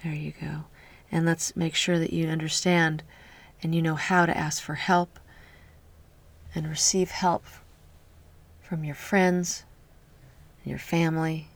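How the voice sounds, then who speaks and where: A woman leading a guided healing meditation in a soft, slow voice that often drops to a whisper, speaking close to the mic. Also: low-pitched, level tone, creaky.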